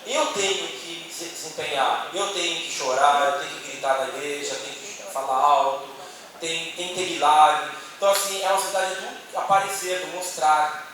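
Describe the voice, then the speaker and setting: A man's voice: fairly high pitch, fairly even intonation, moderate pace, a bit bright, far from the mic. Brazilian guy talking to a crowd in a big echoey hall, a bit off the mic, noisy, keeps asking "né". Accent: Brazilian Portuguese. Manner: conversational, frequent tag "né", questions to the audience. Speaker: speaker on a church panel. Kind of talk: informal talk to an audience. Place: meeting hall with an audience. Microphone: handheld microphone.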